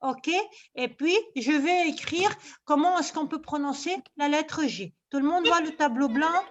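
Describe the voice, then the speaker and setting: Woman teacher with a high voice, slow and patient, on dull video-call audio. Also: slight background noise. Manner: slow, patient, repeats "ok?" after each point. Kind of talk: online class lesson.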